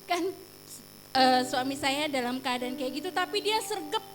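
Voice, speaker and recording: A woman's voice: sits high, animated, normal speed, a little hiss or hum. A woman telling a chatty testimony at a church service, acting out the dialogue she recounts and sprinkling in casual fillers and exclamations. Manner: chatty storytelling, acts out quoted dialogue. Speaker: church member giving a testimony.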